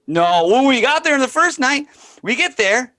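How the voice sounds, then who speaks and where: Male co-host, casual banter, bright tone, animated delivery. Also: measured pace. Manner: animated storytelling, jumps in pitch when quoting others.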